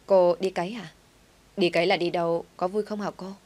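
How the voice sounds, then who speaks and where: A woman's voice: fairly low pitch, fairly even intonation, brisk, darkish tone, close to an everyday voice. A woman reading an audio story, voicing a clumsy, pampered young woman who runs a company, talking in a whiny, pleading way. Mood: curious.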